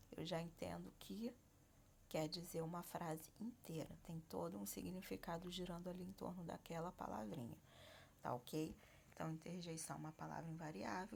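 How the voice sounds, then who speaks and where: A woman teacher with a lowish, gravelly voice walks through a grammar lesson. She explains patiently and keeps checking that her students are following. A faint hiss of noise sits behind her. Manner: explanatory, frequent check-ins.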